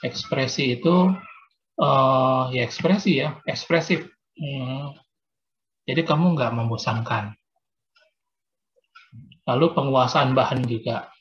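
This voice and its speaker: Male religion teacher, casual and patient, plenty of fillers, mid-range voice, lo-fi video call audio. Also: mid-range voice. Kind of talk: explaining an exam to students on a video call.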